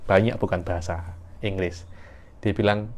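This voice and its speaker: A man giving a classroom lecture on Quranic sciences, explaining terms and rising sharply in pitch when he stresses a point. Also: fairly even intonation, normal speed, a little mellow. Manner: explains, then rises sharply in pitch for emphasis. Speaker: religious teacher.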